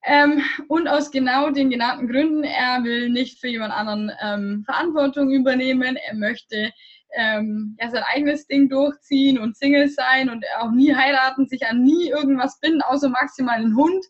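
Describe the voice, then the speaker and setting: A young woman from Germany with a high, bright-sounding voice talks in a loose, rambling way, full of fillers and little laughs. The recording is slightly dull and lo-fi. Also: normal speed. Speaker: guest. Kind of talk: casual interview chat.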